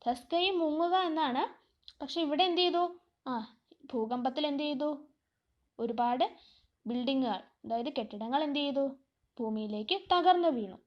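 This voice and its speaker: High-voiced woman teacher quizzing herself. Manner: asks questions and answers them herself; reads slowly, then explains line by line. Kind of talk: classroom lesson explaining a play. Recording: dull lo-fi recording.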